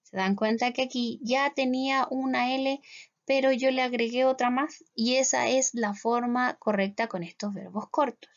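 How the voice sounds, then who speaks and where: A Chilean woman teaching an English grammar lesson. Her voice sits fairly high, and she keeps asking her students whether they follow, drawing the English words out slowly. The recording is dull and lo-fi. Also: steady tone. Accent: Chilean Spanish. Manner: patient, repeats "¿cierto?" to check understanding. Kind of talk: classroom lesson explaining grammar. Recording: dull lo-fi sound.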